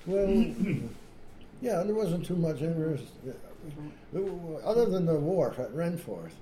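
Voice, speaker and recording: A man's voice: on the high side, animated, takes it slowly, mellow. An older man, reminiscing in a casual, rambling way with many fillers and chuckles. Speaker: local elder recalling old times. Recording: roomy room echo, light noise.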